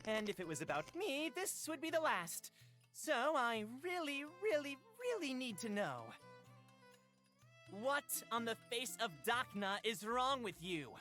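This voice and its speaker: A woman's voice: on the high side, big pitch swings, measured pace, a bit bright, soft background music. A woman voicing a cheeky male bard who mocks his friends in playful, theatrical, mock-archaic phrasing, read aloud from a visual novel. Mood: teasing. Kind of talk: voice acting while reading a visual novel on stream.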